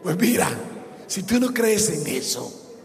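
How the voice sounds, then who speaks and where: Casting: male pastor, high gravelly voice, fiery sermon, long hall reverb. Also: big pitch swings, slow. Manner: impassioned, often shouting. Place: church service.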